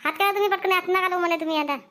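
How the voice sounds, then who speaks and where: A quarrelsome young daughter-in-law, voiced by a woman for a cartoon comedy, talking. She scolds and argues stubbornly, her voice pitched extremely high. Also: steady tone, very fast, fairly bright tone. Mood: scolding.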